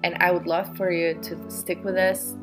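Young woman podcast host, low flat voice, earnest and halting, lots of ums. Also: music in the background. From Poland. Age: 20s. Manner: earnest, halting, with many pauses and fillers. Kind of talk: personal talk to listeners.

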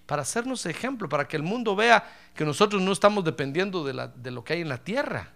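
A man's voice: high voice, lively intonation, fast talker, creaky, a bit bright. A pastor preaching a humorous sermon, acting out little dialogues and calling his listener brother.

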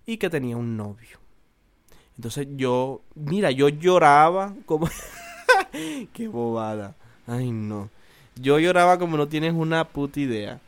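A young man from the Caribbean coast of Colombia, with its accent, casually telling a personal story in a rambling, self-mocking way. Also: mid-range voice. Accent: Colombian Caribbean coast Spanish.

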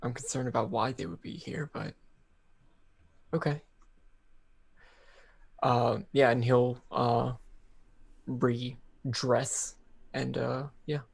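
A man with a gravelly, husky voice, bantering casually as a tabletop game player. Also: mid-range voice, fairly even intonation, takes it slowly, pauses often.

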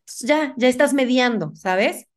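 Young woman, Mexican accent, animated guest in a casual talk, acts out dialogue. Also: high-pitched, unhurried. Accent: Mexican Spanish. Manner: animated, acts out quoted dialogue, frank and slangy. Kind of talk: casual chat.

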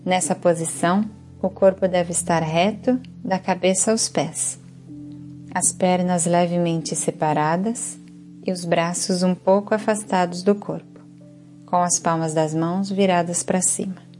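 This yoga nidra session is led by a woman instructor whose Brazilian Portuguese accent colors her calm, unhurried, soothing guidance. Her voice sits fairly low, with faint music behind it.

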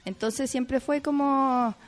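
A woman's voice: high voice, steady tone, slow, soft background music. Chilean woman rambling happily in an interview, lots of "como" and little laughs. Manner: chatty, filler-heavy, laughs easily. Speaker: guest. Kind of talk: casual interview chat.

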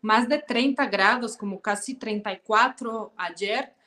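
Brazilian woman speaking Spanish, relaxed. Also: a little high, unhurried. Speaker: guest, former model and influencer. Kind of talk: casual interview chat.

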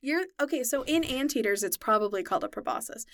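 A woman's voice: a little high, animated, fast, a bit bright, no echo, clean studio sound. A young woman co-hosting a casual podcast, explaining insect biology in detail with a chatty, knowledgeable manner. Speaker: podcast co-host explaining science. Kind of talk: casual chat.

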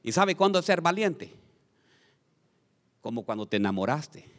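Animated preaching man in an echoey hall. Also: fairly high pitch, measured pace. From Honduras. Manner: animated, calls out to the congregation, joking asides. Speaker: pastor. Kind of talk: lively sermon to a congregation.

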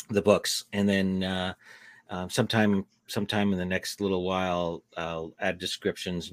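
A man's voice: low voice, no echo. A man co-hosting a casual talk show, rambling through announcements with many fillers. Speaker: co-host. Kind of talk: casual podcast chat.

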